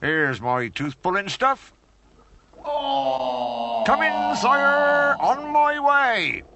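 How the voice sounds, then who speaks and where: A man's voice: medium pitch, sing-song, slow pace, gravelly, dull audio, exaggerated voice. A man voicing a kindly, put-upon cartoon servant with a British accent, muttering fussily and deferentially to himself. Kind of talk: British cartoon character acting. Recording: noisy soundtrack with constant background sounds.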